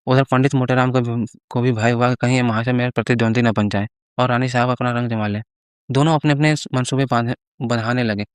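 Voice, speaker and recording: Clear-voiced man reading a story. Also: mid-range voice, fairly even intonation, no room sound. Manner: measured storytelling. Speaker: narrator.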